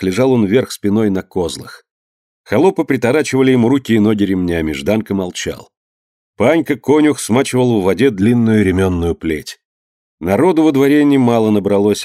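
A man narrating a historical story in a measured, dramatic reading. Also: fairly low pitch, warm tone, no echo, clean studio sound. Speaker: audiobook reader.

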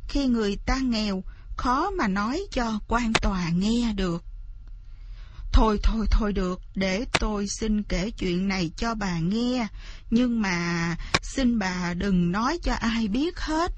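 A woman's voice: unhurried, noisy background, lightly acted. A woman storyteller voicing a poor, anxious mother who pleads and cries out in a raised voice. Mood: pleading. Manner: pleading, crying out high.

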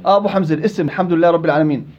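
A man's voice: on the high side, very fast, darkish tone, lo-fi sound. A man teaching a Quran recitation class, quizzing students by name and teasing them. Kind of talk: interactive classroom lesson.

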